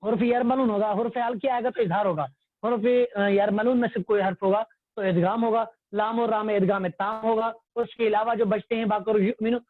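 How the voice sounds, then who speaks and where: A man's voice: high voice, no room sound. Man teaching over tinny phone audio. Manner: patient, repetitive, quizzing the class. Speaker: Tajweed teacher. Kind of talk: online religious class. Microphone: phone or computer mic on a video call.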